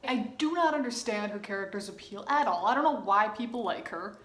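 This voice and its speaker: A woman's voice: mid-range voice, lively intonation, brisk, a bit bright. A young woman hosting a casual reaction video, chatty and opinionated as she comments on a TV episode. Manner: chatty, opinionated, bursts into laughter. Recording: roomy room with faint noise.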